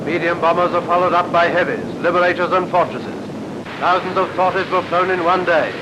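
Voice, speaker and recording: Old newsreel announcer, high and declamatory. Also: male voice, steady tone, a little fast, very noisy. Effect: old 1940s newsreel sound. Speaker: newsreel narrator. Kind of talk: scripted newsreel narration. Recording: dull lo-fi 1940s newsreel soundtrack under loud music.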